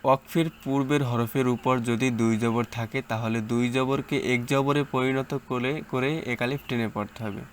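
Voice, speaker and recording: Patiently drilling Quran reading step by step, this man spells out letters and sounds every syllable, reciting them louder and more slowly. His voice is medium in pitch with fairly even intonation, and there's slight background noise.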